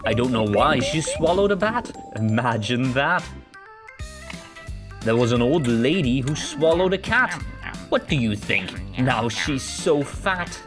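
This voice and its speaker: A woman's voice: a bass voice, very animated, slow, over music. A woman storyteller reading a children's picture book aloud.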